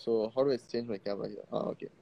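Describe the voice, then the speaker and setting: A man's voice: mid-range voice, fairly even intonation, rapid-fire, vocal fry, lo-fi sound. A man, chatting casually as a podcast guest. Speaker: podcast guest sharing trivia. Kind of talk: casual chat.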